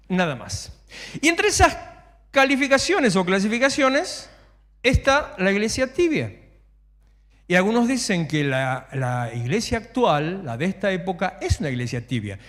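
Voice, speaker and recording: Animated Rioplatense pastor in echoing church. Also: male voice, high-pitched. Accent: Rioplatense Spanish. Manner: animated, humorous, acts out shouting worshippers. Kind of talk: sermon. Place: church sanctuary. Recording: echoey church hall.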